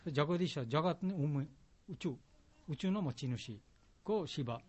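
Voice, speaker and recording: A man teaching a class a devotional song, patiently explaining it word by word in simple, halting Japanese. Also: fairly high pitch, lively intonation, slightly rough. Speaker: chant teacher. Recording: dull lo-fi recording.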